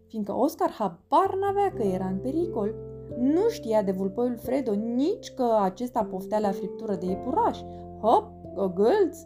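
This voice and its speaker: Femeie, poveste pentru copii, lectură expresivă, voce cam înaltă, muzică pe fundal. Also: female voice, a little high. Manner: lively expressive reading. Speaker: narrator. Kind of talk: children's storybook reading. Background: background music.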